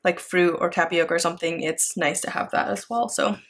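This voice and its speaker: A woman's voice: on the low side, fairly even intonation, brisk. A woman with an American accent chatting casually as she works, rambling and thinking aloud as a craft vlogger. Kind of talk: casual chat while working.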